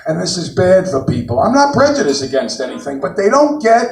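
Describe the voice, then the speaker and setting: A stand-up comic with a New York accent works a live brewery room, blunt and punchy, his high voice swinging up and down. A gravelly rasp runs under his lines. He sounds a bit off the mic, with the room ringing around him. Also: big pitch swings, brisk. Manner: brash, blunt, punchy delivery with sudden loud punchlines. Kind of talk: stand-up comedy set. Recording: roomy live venue, mic at a distance.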